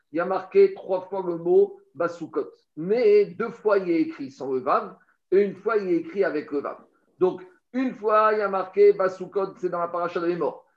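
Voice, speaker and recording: A man teaches a Talmud study lesson, explaining step by step and addressing the listener directly, often repeating words while he searches for his phrasing. His voice is a little high, and the recording is roomy with a dull, lo-fi sound.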